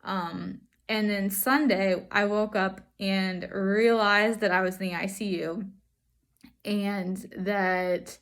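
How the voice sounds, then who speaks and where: A woman speaks from behind a face mask in a mid-pitched voice. She gives an earnest personal account to viewers, reflective and halting, often pausing to find her words. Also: fairly even intonation, fairly bright tone. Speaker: vlogger sharing stroke recovery. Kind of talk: personal testimony to camera.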